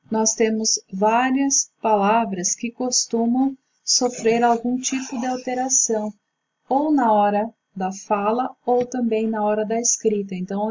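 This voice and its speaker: Slow, patient woman teacher. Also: a little high, dark tone, slightly rough, highs cut off. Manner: slow, patient explaining with slides. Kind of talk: recorded Portuguese grammar lesson.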